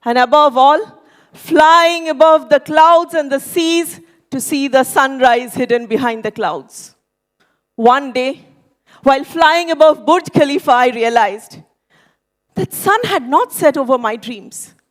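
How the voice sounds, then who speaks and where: A woman with a notably high voice delivers a motivational contest speech. She speaks slowly, in a theatrical way that sounds memorized, leaving deliberate pauses between phrases. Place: school hall speech contest stage.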